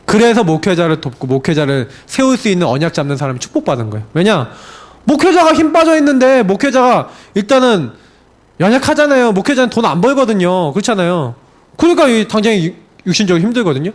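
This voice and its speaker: A middle-aged man, a pastor, preaching a sermon with animated storytelling, often laughing as he tells it. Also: sits high, quick pace.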